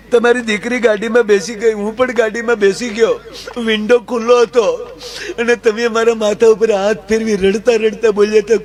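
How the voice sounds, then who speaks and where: A man's voice: high-pitched, pitched above the performer's own voice, close to an everyday voice. A man voicing a young newlywed son-in-law who complains plaintively.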